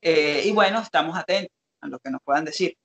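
A man's voice: fairly high pitch, fairly quick, gravelly, fairly bright tone. A man co-hosting a casual analytical talk, reflective and hesitant, with frequent fillers. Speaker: co-host analyzing song lyrics.

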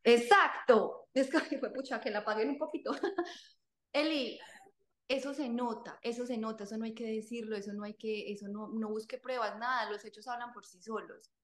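A woman's voice: fairly high pitch, fairly even intonation, normal speed, slight background noise. A woman, a guest telling her story in casual conversation, repeating phrases for emphasis. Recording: echoey room.

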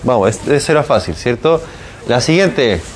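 A man's voice: medium pitch, lively intonation, moderate pace, a little hiss or hum. A man with a Chilean accent teaching a hybrid university class, drilling pronunciation by repeating words and often asking for agreement. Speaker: university lecturer.

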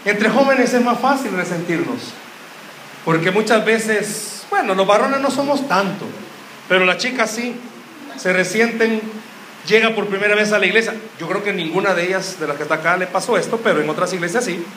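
A young man preaching, his voice pitched high and cutting, as he teases the congregation and keeps firing questions at them. The sound rings around a roomy church hall. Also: normal speed, bright, forceful tone, slight background noise. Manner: joking, quizzes the crowd with questions. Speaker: youth preacher. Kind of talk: sermon.

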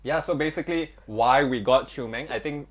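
A man's voice: mid-range voice, normal speed. A young man co-hosting a casual podcast, chatty, with many fillers and restarts. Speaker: podcast co-host.

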